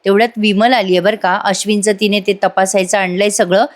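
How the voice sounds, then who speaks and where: A woman narrates a TV serial episode review in a chatty voice-over. She speaks straight to her viewers. Her pitch sits in the middle range. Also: little pitch movement, brisk. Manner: chatty, addresses viewers directly.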